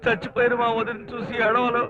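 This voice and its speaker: Brief: a mock-mournful brother-in-law, dull film soundtrack. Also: male voice, very high voice, monotone, quick pace, over music.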